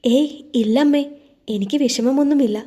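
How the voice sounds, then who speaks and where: A woman voicing a gentle, grieving young wife in an audio story, speaking softly and hesitantly. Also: high-pitched, normal speed. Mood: hurt, pleading.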